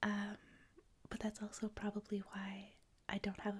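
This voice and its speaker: This woman, a native French speaker with a Canadian accent, hosts a livestream and talks casually with her viewers in a hushed, whispered ASMR manner. Her mid-range voice is husky and monotone, and she keeps a moderate pace.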